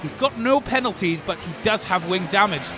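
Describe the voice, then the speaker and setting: A man's voice: sits high, expressive, normal speed, music in the background. A man giving informal, chatty play-by-play as a motorsport commentator.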